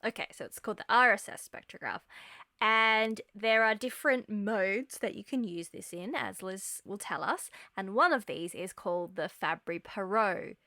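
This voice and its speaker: A woman's voice: medium pitch, moderate pace, sharp tone, dry recording, clean studio sound. A woman co-hosting a science podcast, steering the talk in a friendly casual way and introducing her guest. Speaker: podcast co-host.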